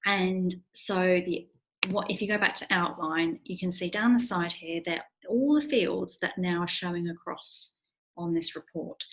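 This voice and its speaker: Low-voiced woman explaining software steps. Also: noisy background. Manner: relaxed step-by-step explaining with frequent ums. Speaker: software tutorial host. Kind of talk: screen-share tutorial walkthrough.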